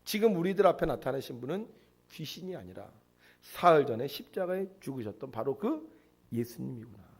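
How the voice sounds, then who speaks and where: A man voicing awestruck male disciples, speaking in a hushed, wondering way. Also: medium pitch, sing-song, brisk, gravelly, breathy edge, heavily acted. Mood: awed.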